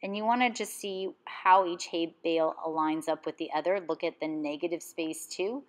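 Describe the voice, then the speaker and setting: A woman with a fairly low voice talks through a drawing lesson. She gives calm, step-by-step instructions as an art teacher. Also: normal speed.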